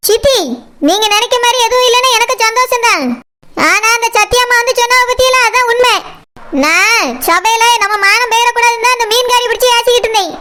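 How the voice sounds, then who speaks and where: Someone voicing a squeaky, sharp-tongued cartoon woman from Kanyakumari. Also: fairly even intonation, fast. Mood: scolding. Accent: Kanyakumari Tamil. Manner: blunt, lecturing, accusing. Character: middle-aged woman, sharp-tongued and scolding. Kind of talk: cartoon voice acting.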